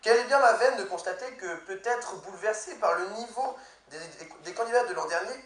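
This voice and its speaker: High-voiced young man addressing a jury. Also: brisk, fairly bright tone. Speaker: contest competitor. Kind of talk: formal contest speech opening. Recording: echoey hall, far from mic.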